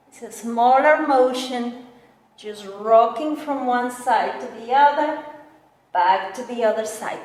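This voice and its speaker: A woman leads a Pilates class in a high voice, giving unhurried cues and counts. Her manner is gentle and encouraging. The recording is heavily reverberant, with her voice some distance from the mic in a big room. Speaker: Pilates instructor leading a mat class. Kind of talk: exercise class instruction, step-by-step cues and counting.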